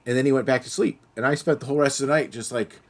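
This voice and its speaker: With a crowd audible behind him, a middle-aged podcast host speaks very fast in a medium-pitched voice. He tells stories casually and animatedly, acting out the voices of those involved.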